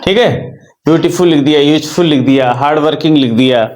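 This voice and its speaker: A man teaches English grammar in a patient classroom style. His voice sits a little high for a man. He repeats each rule several times and keeps checking in with his listeners. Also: brisk, a little mellow. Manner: repetitive, checks in with "ठीक है" and rhetorical questions. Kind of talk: classroom lesson explaining grammar.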